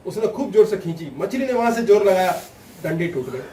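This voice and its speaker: A man's voice: sits high, expressive, fairly quick, warm tone. Man teaching in an echoey hall. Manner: humorous storytelling, acts out voices, laughs often. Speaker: spiritual teacher. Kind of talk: spiritual discourse to a live audience. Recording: echoey room, distant mic, faint noise.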